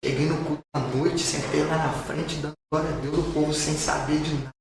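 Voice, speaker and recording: A pastor with a Brazilian Portuguese accent tells a personal testimony in a podcast, in an earnest storytelling manner and repeating phrases for emphasis. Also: male voice, on the high side, steady tone, a little fast. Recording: very echoey room, distant mic, faint noise.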